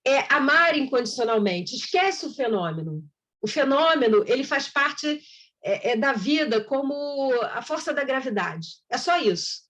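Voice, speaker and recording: A woman's voice: sits high, lively intonation, unhurried, a bit bright. A woman giving a Spiritist lecture in a conversational way, acting out little dialogues as she goes. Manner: conversational, laughs at herself, acts out dialogues. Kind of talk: spoken lecture.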